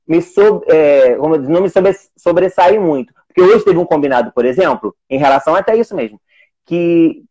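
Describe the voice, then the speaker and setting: Speaking with a fairly high, warm voice on audio with the highs cut off, a man chats casually on a live video call as an adoptive single dad. He works with young children, rambles with many restarts, and quotes his own talks with his son.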